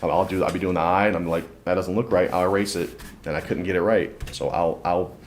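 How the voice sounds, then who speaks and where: A man's voice: low voice, fairly even intonation, fast talker, slight background noise. A man talking as a podcast guest, laid-back and rambling in casual chat.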